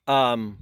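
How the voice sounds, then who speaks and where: A man's voice: mid-range voice, vocal fry, fairly bright tone, smooth, no room sound. A man giving loose, rambling spoken commentary on a philosophy text, with restarts and the odd swear word.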